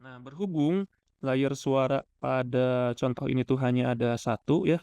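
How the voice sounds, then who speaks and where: Male instructor, smooth clear voice, mid pitch, informal step-by-step tutorial narration, very dry recording. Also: measured pace, dark tone, no room sound. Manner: informal, explanatory, checks in with listeners. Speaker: animation software instructor.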